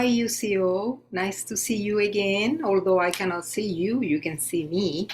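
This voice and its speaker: A woman reading her own poems aloud for an open mic event in a slow, deliberate recitation, from a self-made recording. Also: medium pitch, a little hiss or hum, poor audio. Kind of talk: poetry reading. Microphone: self-made video recording.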